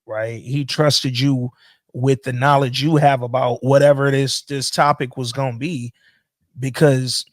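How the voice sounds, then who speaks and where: Male podcast host, mid-pitched, casual and emphatic, dry close sound. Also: no room sound. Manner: loose, emphatic, with casual swearing.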